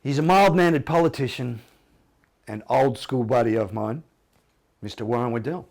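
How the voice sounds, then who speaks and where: A man's voice: medium pitch, moderate pace. A man hosting a casual interview, joking, swearing and rambling through his questions. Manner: jokey, swears, laughs often, rambling questions. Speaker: interview host.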